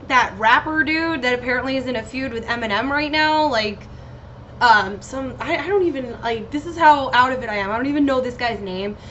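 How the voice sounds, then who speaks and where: A high, bright-voiced American woman chats loosely on her solo podcast. She is giggly, scattered and a little loopy, swearing freely as she wanders between thoughts. The recording is muffled and lo-fi, like a home setup. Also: slight background noise. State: slightly loopy on painkillers. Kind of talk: casual rambling solo chat with swearing.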